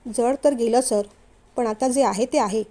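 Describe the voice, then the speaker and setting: A woman's voice: fairly high pitch, fairly even intonation, unhurried, warm tone, lightly acted. A woman voicing a frank, bold young female employee in a storybook reading.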